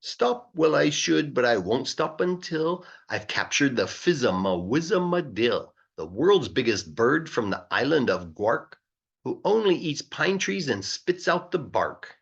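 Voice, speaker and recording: Somewhat slow and very animated, a male English teacher reads a rhyming children's book aloud with playful emphasis. His husky, rough-grained voice sits in the middle range and moves up and down a lot, on a slightly dull recording.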